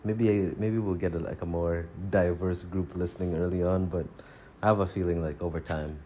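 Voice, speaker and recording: A man's voice: deep voice, steady tone, normal speed, warm tone, a little hiss or hum. A man from Tanzania co-hosting a casual podcast over a phone, rambling, restarting his sentences and chuckling between thoughts. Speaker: podcast co-host.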